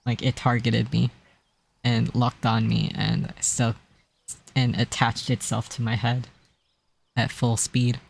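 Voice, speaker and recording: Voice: medium pitch, flat delivery, takes it slowly, vocal fry, long pauses, husky. A streamer chatting casually on a live stream, telling stories in a rambling way with many restarts and a self-described weak, easily strained voice.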